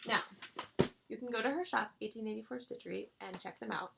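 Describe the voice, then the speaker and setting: A woman chatting casually to her viewers about her stitching, gushing with excitable bursts and rambling restarts. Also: medium pitch, fairly quick, creaky. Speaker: cross-stitch vlogger.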